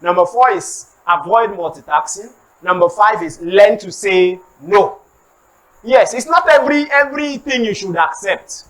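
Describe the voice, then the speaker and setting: A Nigerian preacher delivers a motivational sermon, sliding between English and Pidgin asides. The voice swoops through a wide, lively pitch range as he acts out comic street scenes. He keeps calling on the congregation to repeat lines back to him. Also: a little slow, low-quality recording. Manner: animated, acts out comic street scenes, calls for audience response. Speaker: preacher giving a motivational talk.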